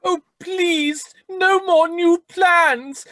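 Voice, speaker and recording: A woman's voice: very high-pitched, steady tone, very slow, fairly bright tone, dry recording, full character voice. A woman playing a long-suffering, deferential professor in a comic pantomime, weary, stammering and pedantic. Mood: pleading, weary.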